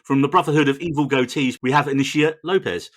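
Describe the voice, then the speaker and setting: Man, podcast host, rapid talker, casual, cheeky swearing. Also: mid-range voice. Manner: quick, chatty, swears freely.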